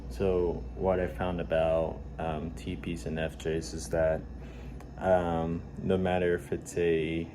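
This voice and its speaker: Deep-voiced man with a stuffy nose, noisy warehouse. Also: little pitch movement. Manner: halting, hesitant delivery with repeated words and pauses. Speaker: vlogger. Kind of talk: casual rambling talk. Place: warehouse at work.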